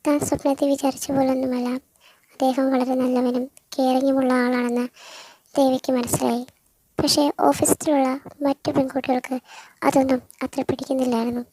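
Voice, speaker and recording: A woman narrating a fan story in a plain, steady way. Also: sits high, a little fast, rough recording.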